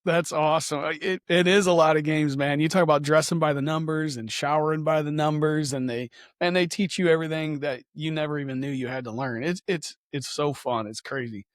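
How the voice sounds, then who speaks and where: A man with a slightly high voice hosts a casual podcast interview, eager and chatty. He often says "man" and laughs through his words. The sound is close and dry, with no room echo. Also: fairly even intonation, fairly quick, few pauses. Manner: eager, peppers talk with "man". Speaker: podcast host.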